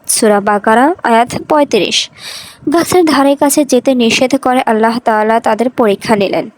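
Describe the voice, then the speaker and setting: A woman reading a scripted religious story in a measured, earnest storytelling manner. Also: fairly high pitch, no room sound, poor audio.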